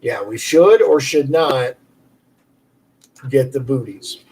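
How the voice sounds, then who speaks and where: A man's voice: mid-range voice, lively intonation, takes it slowly, a little mellow, slightly rough, distant mic. A man hosting a casual livestream chat, easygoing and reading items aloud as he browses. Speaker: host.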